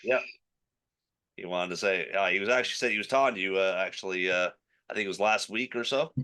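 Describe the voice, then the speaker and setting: A man's voice: low voice, fast, sharp tone. A man interviewing an actor, asking questions and reacting with enthusiastic admiration.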